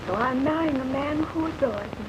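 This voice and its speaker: High-voiced stage girl from Texas, early talkie, heavy hiss. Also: normal speed. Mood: resolute. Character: young woman, stage performer, torn and resolute. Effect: early talkie film recording. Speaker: stage actress. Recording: hissy early sound-film soundtrack.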